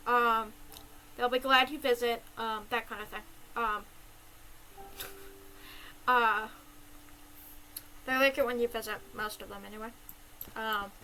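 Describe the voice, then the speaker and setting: A woman's voice: on the high side, sharp tone, slight background noise, poor audio. A young woman streamer chatting casually and giving advice, rambling with lots of ums and little giggles. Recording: clear background music. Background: music.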